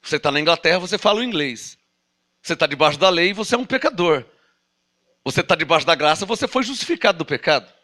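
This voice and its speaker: A man preaching a sermon as an apostle with a Brazilian Portuguese accent, animated and full of rhetorical questions, acting out doubters. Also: fairly high pitch, fast talker.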